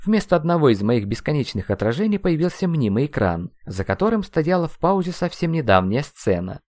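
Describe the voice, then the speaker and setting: A man narrating a first-person audiobook, expressive and ironic. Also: fairly high pitch, fairly quick, no room sound, studio quality.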